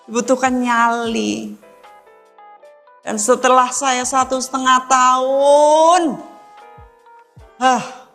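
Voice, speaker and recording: High-voiced woman preaching slowly. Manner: personal storytelling with Javanese phrases; emphatic, swinging between loud stresses and hushed asides. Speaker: pastor. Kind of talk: sermon.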